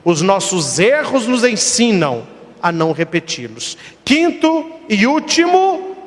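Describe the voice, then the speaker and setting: A priest giving a lively sermon to a congregation, telling stories and acting out the people in them. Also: male voice, high voice, slow pace. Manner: lively, plays characters in his stories. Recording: long reverb of a large hall.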